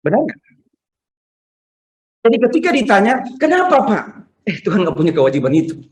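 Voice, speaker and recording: Emphatic preacher with a lively voice. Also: male voice, sits high, a little fast. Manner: emphatic, rhetorical questions, acts out questioners. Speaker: pastor. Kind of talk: sermon. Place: church. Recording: roomy church sound over video call.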